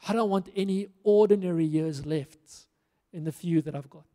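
Speaking at a moderate pace in a warm voice that sits high, a middle-aged pastor from South Africa delivers his sermon on a church stage. The large hall adds long reverb to his handheld-mic preaching, which is earnest and rousing with emphatic repetition.

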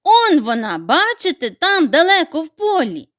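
A woman's voice: very high-pitched, huge pitch swings, moderate pace, fairly bright tone, voice pushed up, heavily acted. A woman voicing a brave, loyal young male dog who speaks urgently and eagerly.

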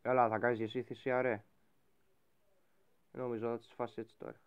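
A man playing a game and role-playing a bossy pirate captain who shouts orders at his crew. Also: mid-range voice, little pitch movement, clear, resonant tone, muffled recording. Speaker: gaming YouTuber. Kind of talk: Minecraft role-play commentary.

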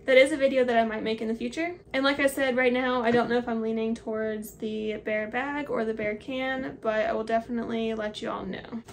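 Holding up her hiking gear item by item, a woman in her twenties explains each one to the camera in a small home office. She's a hiking vlogger with a chatty manner, a slightly high voice, fairly even intonation, and a little fast delivery with few pauses, over slight background noise.

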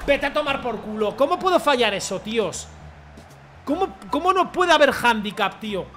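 A young man streams his football game with a very high voice. He mutters complaints, then bursts into shouts at every goal and miss. Music plays faintly behind him. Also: big pitch swings, moderate pace. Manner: rants, pleads and shouts at the game, swings from mutters to yells. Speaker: gaming streamer. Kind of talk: excited gameplay commentary.

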